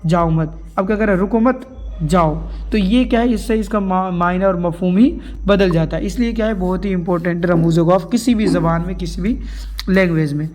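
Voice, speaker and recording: A man's voice: high-pitched, fairly quick, a little mellow. A man teaching a grammar lesson for an exam, asking questions and answering them himself while writing on a board. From India.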